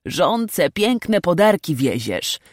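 A woman voicing a gruff, weary old male knight who talks firmly in old-fashioned speech. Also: fairly low pitch, very animated, slow pace, darkish tone, no echo, studio quality, pitched above the performer's own voice, heavily acted. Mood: stern. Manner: firm, archaic speech.

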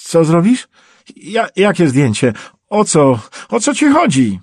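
A man's voice: fairly high pitch, huge pitch swings, takes it slowly, slightly rough, no room sound, clean studio sound, pitched above the performer's own voice, exaggerated voice. A man voicing an injured, panicking male prosecutor who stammers and pleads. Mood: panicked.

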